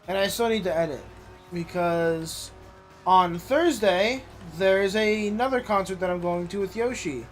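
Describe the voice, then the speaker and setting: A man's voice: high voice, unhurried, faint music behind. A man streaming casually and chatting to his viewers, tired and yawning, rambling and swearing now and then.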